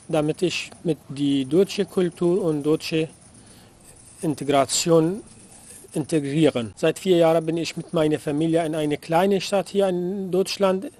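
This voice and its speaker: A man from Syria talking carefully and haltingly in an interview statement. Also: a little high, a little mellow.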